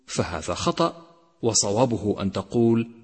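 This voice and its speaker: A man teaching a tajweed lesson on Quran recitation, who draws out and chants the example words slowly. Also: lowish voice, very animated, slightly rough. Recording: long hall reverb.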